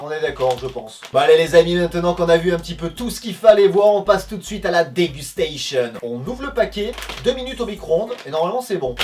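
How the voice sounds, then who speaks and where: A man's voice: high voice, recorded from a distance. A man from France chatting through a casual food comparison vlog, talking to viewers as friends, with lots of fillers and asides. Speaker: food review vlogger.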